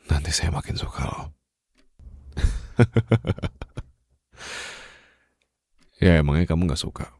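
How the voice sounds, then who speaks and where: A man plays a smitten, suave mafia boss in an intimate ASMR romantic roleplay, teasing softly and possessively in a low, gravelly, breathy, exaggerated voice. His delivery is slow, soft and flirtatious with formal wording, captured on a close studio microphone with no room sound.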